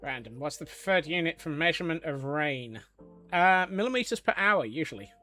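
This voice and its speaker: A man's voice: fairly high pitch, animated, fairly quick, bright, forceful tone, faint music behind. A man from Scotland chatting casually on a live gaming stream, joking along with viewers and answering their questions. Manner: chatty and jokey, answering chat.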